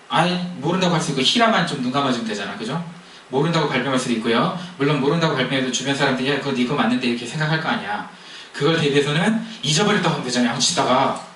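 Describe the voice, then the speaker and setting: A man preaches in a relaxed, conversational way, telling stories and turning to his listeners with questions. His voice sits at a middle pitch. He is picked up from a distance in an echoey church hall, with a faint hiss underneath. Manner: conversational storytelling with asides to the congregation. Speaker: pastor. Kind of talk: sermon.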